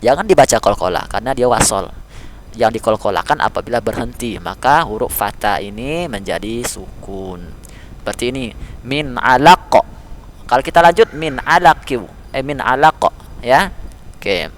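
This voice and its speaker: A man teaching tajweed, repeating letter sounds slowly and patiently, speaking as a father figure to his pupils. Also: fairly low pitch, expressive, a little hiss or hum. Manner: calls listeners "nak", speaks as a father figure. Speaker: Quran recitation teacher. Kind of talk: tajweed lesson.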